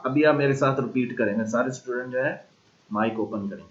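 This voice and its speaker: A man with a Pakistani accent teaching an online language class, slowly drilling and repeating sounds. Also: mid-range voice, muffled recording. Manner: slow repeated drilling of tones.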